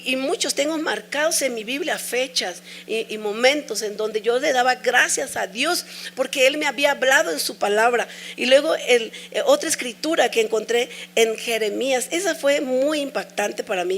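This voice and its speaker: Woman preacher, middle-aged, somewhat high voice, earnest, emotional testimony, sermon delivery. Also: normal speed, a bit bright, a little hiss or hum. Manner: earnest, emotional personal testimony with repeated pleas.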